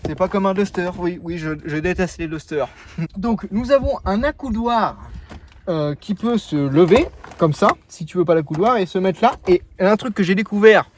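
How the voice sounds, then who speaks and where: A man's voice: high voice, expressive, moderate pace, a little hiss or hum. A young man casually showing off his car outdoors, joking and rambling with lots of fillers. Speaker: car vlogger.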